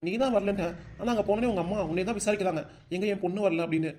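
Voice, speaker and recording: A man with a Tirunelveli Tamil accent voicing a calm husband who reasons with his wife in a cartoon. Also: high-pitched, racing, a little hiss or hum, close to an everyday voice. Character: calm husband and father, takes children's side.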